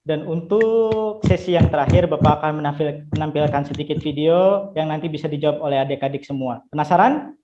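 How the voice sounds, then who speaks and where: Young man, from Indonesia, student teacher, online lesson, encouraging, slightly high voice, muffled call audio. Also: a little fast, background noise. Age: young adult. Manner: encouraging, friendly with pupils. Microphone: video call.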